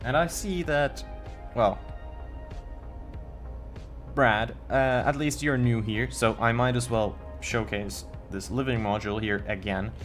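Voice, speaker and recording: Building on a game live stream, a young man from Finland talks casually in his Finnish accent, stumbling over words now and then. He takes it slowly in a mid-range voice, with soft background music.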